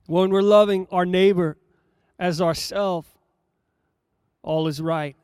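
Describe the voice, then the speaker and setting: A man with a high, smooth and resonant voice delivers a sermon, reading scripture and dwelling on it. He speaks in a measured, emphatic way and repeats key phrases for effect. The sound is dry and close. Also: fairly even intonation, a little mellow, dry recording. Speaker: preacher.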